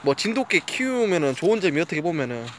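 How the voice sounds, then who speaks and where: A man's voice: on the high side, sing-song, fast talker, slight background noise. A man chatting casually to camera while walking his dog by a riverbank outdoors, now and then coaxing the dog. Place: outdoors by a gravel riverbank at dusk.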